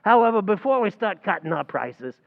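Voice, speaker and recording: A stage actor recreating an old-time radio comedy plays a scheming, fast-talking tavern manager, his gravelly, high voice swooping up and down as he wheedles in streetwise, mangled grammar. The delivery is very animated, brisk and heavily acted, while the muffled sound echoes through a long hall.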